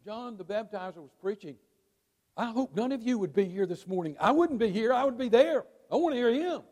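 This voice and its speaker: A male pastor delivers a sermon with high, ringing tones. He leans on words and holds dramatic pauses. His voice trails off into the long reverb of a large church hall. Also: expressive, a little mellow. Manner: emphatic preaching with dramatic pauses. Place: church sanctuary.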